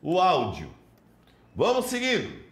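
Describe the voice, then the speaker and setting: A man's voice: high voice, huge pitch swings, unhurried. A man teaching an English lesson in Portuguese with a Brazilian accent, explaining step by step and greeting students by name. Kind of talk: televised classroom lesson.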